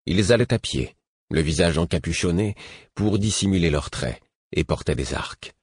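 A man reads a fantasy audiobook in the first person with a steady storytelling delivery. His voice is very low and husky. The sound is dry and close, with no room around it. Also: normal speed, no echo. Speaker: narrator. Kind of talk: audiobook narration.

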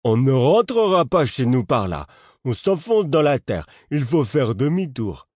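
A man's voice: mid-range voice, very animated, measured pace, a little mellow, no echo, studio quality, voice pushed up. A man voicing a fearful, simple-minded big man in an audiobook, with a whining, childlike, wary way of talking. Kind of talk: audiobook character voice.

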